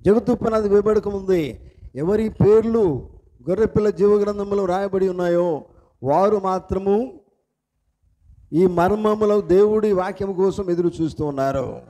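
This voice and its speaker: A man preaching with a high-pitched voice that still sounds mellow and soft-edged. He is a pastor with a Telugu accent who keeps putting questions to his congregation. His phrasing is repetitive and strongly emphatic. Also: a little slow, pauses often. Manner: asks the congregation repeated questions. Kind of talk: sermon.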